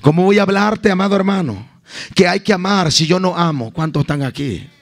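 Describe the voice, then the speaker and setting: A man's voice: high voice, fairly quick. A man preaching a sermon as a guest evangelist at a church service, impassioned and calling out to his listeners as beloved brothers.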